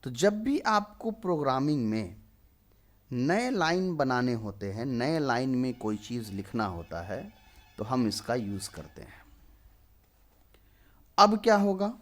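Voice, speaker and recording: A man's voice: medium pitch, sing-song, a little slow, long pauses. A young man in his twenties teaching programming, explaining step by step and answering his own questions. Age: 20s. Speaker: programming tutor. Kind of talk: screen-recorded coding lesson.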